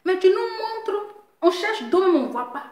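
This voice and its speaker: A woman's voice: very high-pitched, expressive, moderate pace, darkish tone, reverberant. A woman, ranting and teasing in a casual mocking way, repeating herself and laughing as she talks. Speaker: social media commentator. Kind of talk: mocking casual rant to viewers.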